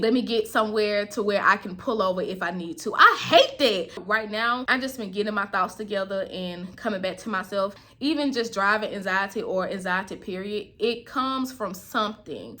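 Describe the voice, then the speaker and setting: A woman with an American accent chatting casually to viewers in a candid, expressive, slangy vlog style. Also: a little high. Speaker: vlogger.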